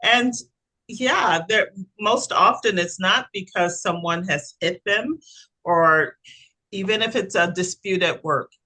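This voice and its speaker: This podcast co-host and life coach talks slowly in a medium-pitched voice, laughing and expressive throughout a casual chat. The recording is rough.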